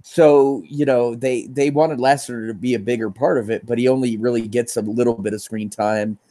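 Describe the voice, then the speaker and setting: A man's voice: medium pitch, fairly even intonation, fairly quick, mellow. A man in laid-back casual stream chat, hesitating as he searches for words and swearing casually.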